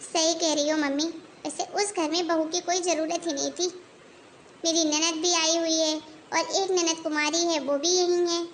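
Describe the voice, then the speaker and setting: A woman's voice: extremely high pitch, little pitch movement, normal speed, a little hiss or hum. A woman voicing a spoiled young married daughter in a cartoon, whining about her in-laws. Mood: complaining.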